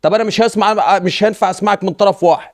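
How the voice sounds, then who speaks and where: A man's voice: high-pitched, very fast, lightly acted. A man with an Egyptian Arabic accent, playing a level-headed brother who mediates a quarrel in a comedy skit. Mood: calm. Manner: calm, reasoning, mediating. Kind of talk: amateur skit acting.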